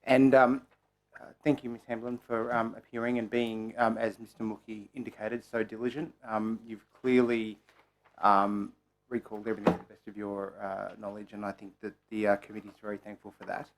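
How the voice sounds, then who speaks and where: An Australian man questioning a witness at a parliamentary committee, polite and halting, with many pauses. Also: on the low side, flat delivery.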